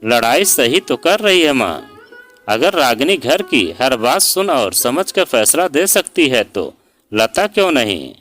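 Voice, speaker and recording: A man voicing a fair-minded middle-aged elder brother-in-law in a story reading, speaking in a measured way to settle a family quarrel. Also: medium pitch, a bit bright.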